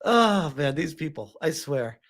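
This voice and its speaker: A man's fairly high, fairly bright voice has a sing-song quality and a measured pace. He streams himself reading a game review and reacting to it, chatting with viewers in a sarcastic, exasperated way and often chuckling or swearing.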